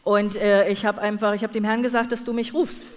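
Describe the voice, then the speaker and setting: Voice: mid-range voice, flat delivery, a little fast. An interpreter rendering a sermon phrase by phrase, following closely with fillers and small restarts. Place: large church hall. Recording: reverberant church hall.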